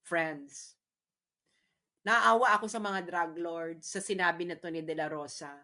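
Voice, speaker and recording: Bright-voiced Filipino woman commentator. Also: fairly low pitch, unhurried. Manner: mixes Tagalog and English, reads aloud then comments with laughs. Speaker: political commentator. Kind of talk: casual commentary reading a document aloud.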